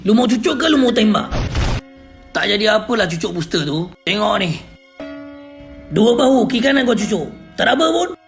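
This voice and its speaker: A man doing a gravelly brash talker. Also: high-pitched, full character voice. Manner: mocking, confrontational slang rant.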